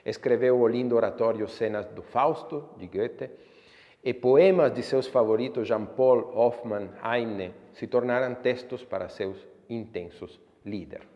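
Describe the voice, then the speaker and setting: A man giving a music history lecture as a violinist, reading a scripted narration in a measured, expressive way. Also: mid-range voice. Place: room at home for an online class. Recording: long reverb, dull lo-fi sound.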